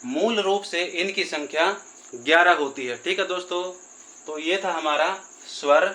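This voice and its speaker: A man teaching grammar at a slow, unhurried pace, his voice bright and a little high for a man. He repeats each sound patiently and stretches the long vowels out, talking to his listeners as friends. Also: low-quality recording. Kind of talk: Hindi grammar lesson.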